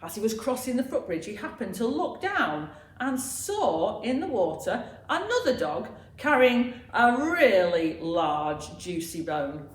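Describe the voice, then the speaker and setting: A woman's voice: medium pitch, sing-song, unhurried, few pauses. A woman presenting a playful comic sketch and telling a fable for a children's assembly. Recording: echoey room, faint noise.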